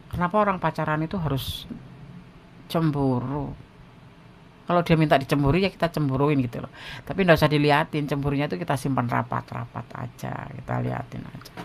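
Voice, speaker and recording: Blunt gravelly man with a lilt. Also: fairly high pitch. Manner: blunt, frank, lively. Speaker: tarot reader giving love advice. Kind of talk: casual advice monologue to viewers.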